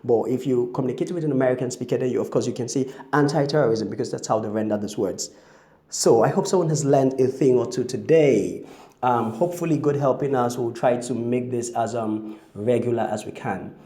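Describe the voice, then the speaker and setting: A man's voice: mid-range voice, warm tone, echoey room. A man teaching English pronunciation, carefully contrasting how words are said, with frequent ums. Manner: deliberate, contrasting word pronunciations with fillers. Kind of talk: pronunciation lesson.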